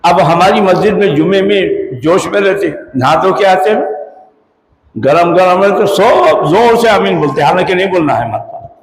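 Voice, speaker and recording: A man's voice: high-pitched, lively intonation, normal speed, a little hiss or hum. A man with a Hyderabadi Urdu accent giving a religious lecture on Islamic law in a mosque, talking conversationally and quizzing his listeners. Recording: echoey hall.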